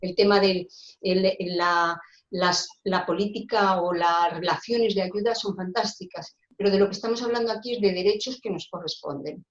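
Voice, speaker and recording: A woman's voice: lowish voice, normal speed. Lady talking earnestly on a call, keeps restarting her words, echoey room, dull muffled sound. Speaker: guest speaker. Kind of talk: discussion talk on social rights. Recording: roomy, dull lo-fi call audio.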